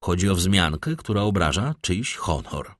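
A man's voice: low voice, big pitch swings, moderate pace, fairly bright tone, dry recording, full character voice. Male narrator playing a heated young nobleman, insistent, audiobook, dry close sound. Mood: earnest. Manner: stiff, demanding, heated. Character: young indignant male count, proud and insistent. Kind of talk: audiobook character voice.

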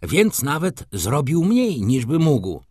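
A man's voice: fairly high pitch, huge pitch swings, slow pace, a little mellow, dry recording, clean studio sound, voice pushed up, heavily acted. A man voicing an anxious, earnest elderly clerk in an audiobook, speaking in a plain protesting way.

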